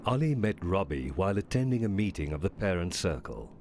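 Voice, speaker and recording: Deep-voiced male documentary narrator. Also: big pitch swings, brisk, a little mellow, a little hiss or hum. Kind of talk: scripted narration.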